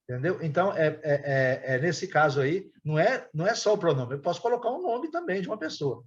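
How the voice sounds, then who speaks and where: A man from Brazil teaching a class, explaining grammar and reading example sentences slowly and deliberately. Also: a little high, sing-song, dull audio. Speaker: English teacher.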